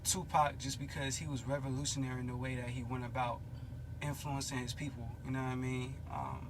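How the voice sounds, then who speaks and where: A man co-hosting a podcast in casual chat, thoughtful and hesitant, often pausing with um and you know what I mean. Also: mid-range voice, little pitch movement, background noise. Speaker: podcast co-host.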